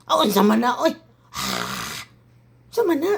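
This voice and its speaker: A woman's voice: medium pitch, huge pitch swings, a little slow, vocal fry. A woman from the Philippines filming a home vlog, playfully coaxing her dog to howl and making long howling sounds herself. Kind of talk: casual home vlog talk to a pet.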